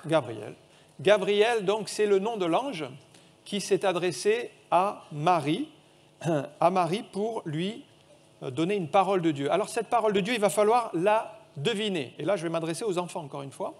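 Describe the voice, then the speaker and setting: A man's voice: high voice, animated, moderate pace. A man preaching a sermon in a church, reading scripture aloud and quizzing the children with a picture puzzle.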